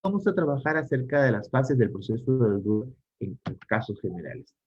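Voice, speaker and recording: At an online conference, a man with a Peruvian Spanish accent gives a psychology lecture, using rhetorical questions to teach. His voice is medium-pitched, animated, and husky at a normal speed, and the sound quality is lo-fi.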